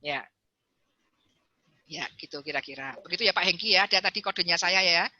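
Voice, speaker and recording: Bright-voiced woman psychologist on a video call. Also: on the low side, a little fast, no echo, dull audio. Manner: animated, acts out parents and children in quotes; addresses listeners repeatedly as parents. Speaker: guest speaker, psychologist and counselor. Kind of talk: parenting seminar talk over video call.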